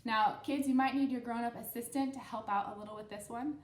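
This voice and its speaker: Guiding young listeners through a read-aloud story and a step-by-step craft, a woman in her thirties hosts children's storytime, explaining simply and encouragingly as she goes. Her voice is on the high side, steady and brisk, in a roomy, echoey space.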